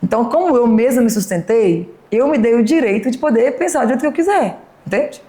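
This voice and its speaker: An outspoken woman talks bluntly as a podcast guest, keeps checking that she's understood. Her voice sits a touch high, and the room around her rings with noticeable echo. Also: lively intonation, a little fast, warm tone. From Belo Horizonte, Brazil. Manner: outspoken, emphatic, keeps asking 'entendeu?'. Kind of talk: casual podcast chat.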